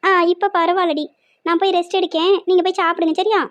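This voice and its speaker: A cartoon village mother with a Tirunelveli accent, squeaky high and rapid. She nags and laments in a shrill, melodramatic way. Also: flat delivery. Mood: weary. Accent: Tirunelveli Tamil. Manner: shrill scolding, melodramatic complaints. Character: nagging middle-aged village mother.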